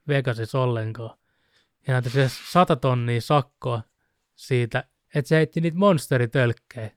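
A man casually chatting on a podcast, telling a story with animated retellings. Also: medium pitch, smooth, dry recording, clean studio sound. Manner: animated storyteller, mimics shouting with laughs. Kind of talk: casual chat about fighting sports.

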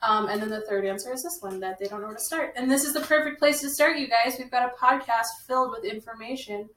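A woman co-hosting a casual real estate podcast. She chats quickly and laughs often. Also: on the high side, fairly bright tone. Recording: echoey room, distant mic, faint noise.

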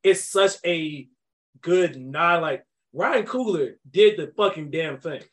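Podcast host, young adult male, slightly higher voice, emphatic and lively. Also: takes it slowly, background noise. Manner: animated, emphatic, laughs often. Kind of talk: casual movie discussion.

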